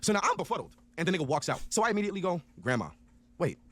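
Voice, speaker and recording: A man's voice: sits high, racing. A man telling a story in a casual, profane rant, acting out each side of an argument. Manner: animated, profane, acts out both sides of an argument.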